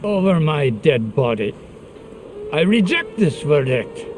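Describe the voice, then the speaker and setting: A man's voice: sing-song, slow pace, background noise. A man voicing an angry peasant in a video game, accusing and indignant in a neighbors' quarrel. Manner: indignant, accusing, swinging pitch.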